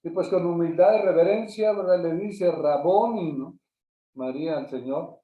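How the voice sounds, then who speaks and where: A man, a pastor, teaching a Bible class in a halting way, often repeating words and ending phrases with a questioning tag. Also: a little high. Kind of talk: Bible study lecture. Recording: echoey, distant, phone-like sound.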